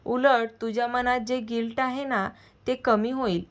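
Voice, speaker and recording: A woman voicing a gentle, wise middle-aged aunt who soothes and gently scolds her nephew. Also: a little high, fairly even intonation, measured pace, lightly acted. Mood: scolding.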